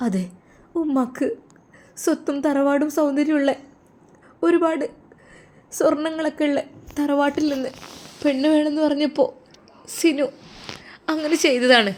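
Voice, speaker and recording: A woman's voice: high-pitched, steady tone, a little slow, pauses often, a little mellow, pitched above the performer's own voice. A woman with a Malappuram Malayalam accent voicing a heartbroken young woman who pleads tearfully. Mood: pleading. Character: heartbroken young wife, loyal sister.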